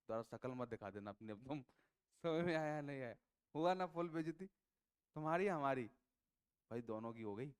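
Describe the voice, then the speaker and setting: A man teaching a class of students, switching between Hindi and English, constantly quizzing them with rapid checks for understanding. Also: on the high side, clear, resonant tone. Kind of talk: classroom lecture. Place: coaching classroom.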